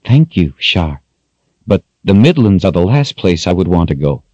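A man's voice: low-pitched, big pitch swings, moderate pace, darkish tone, no room sound, highs cut off. A man voicing an earnest young man who speaks urgently.

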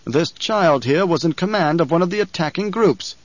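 An imperious, menacing emperor, as a male storyteller voices him, sneering and booming his commands. The voice is lifted and forceful. The audio is muffled and dry. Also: lively intonation, normal speed, no echo. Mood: scornful commanding. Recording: dull lo-fi audio.

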